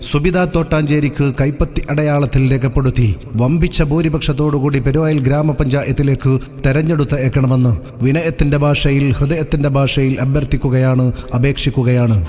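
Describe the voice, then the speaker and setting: A man giving a formal, oratorical election campaign announcement over an outdoor loudspeaker. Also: mid-range voice, steady tone, a little fast, in a large hall. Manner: formal, oratorical, pleading appeal.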